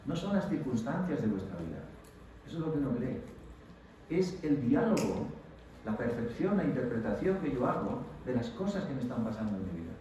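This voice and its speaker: A man with a Spanish accent giving a motivational lecture to university students, speaking in an animated way and acting out the voices of people he quotes. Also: medium pitch, a little fast, slight background noise. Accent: Spanish from Spain. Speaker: guest lecturer. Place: large lecture hall. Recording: distant, dull-sounding mic in a very echoey hall.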